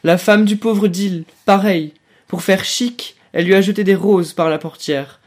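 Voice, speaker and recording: A wrecked young officer spits out bitter, shrill words in a feverish rush, as a man puts him on in a storybook reading. The voice climbs high and stays loud and strained. It sounds close to breaking. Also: normal speed, breathy edge. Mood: bitter anguish. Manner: shrill, feverish, broken outbursts. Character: shattered young male officer, bitter, near hysterical.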